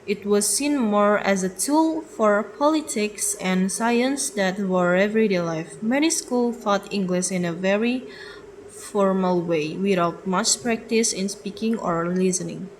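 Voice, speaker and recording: A woman's voice: medium pitch, unhurried, a little hiss or hum, rough recording. A young woman giving a class presentation from slides, hesitant, with fillers and self-corrections. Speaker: student presenter.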